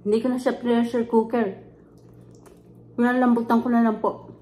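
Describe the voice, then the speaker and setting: A woman with a Filipino accent hosts a mukbang, chatting casually while she eats and chewing as she talks. Her voice is fairly high but dark in tone, level, and at a normal speed.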